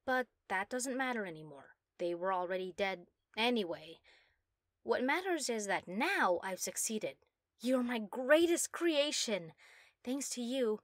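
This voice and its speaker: A woman voicing a proud, giddy young mad scientist obsessed with her work, theatrical and self-satisfied, in a soft ASMR role-play. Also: mid-range voice, dry recording, clean studio sound. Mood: chipper, reassuring.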